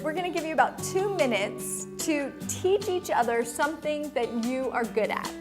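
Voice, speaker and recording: Female interviewer, high voice, friendly and directive, music bed underneath. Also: expressive, normal speed. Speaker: video interviewer. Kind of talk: interview prompts.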